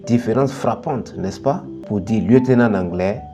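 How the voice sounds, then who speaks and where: A man hosting a bilingual English lesson, explaining pronunciation and slowly modelling word pairs one after another. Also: lowish voice, dark tone, highs cut off, soft background music. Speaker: English teacher, channel host.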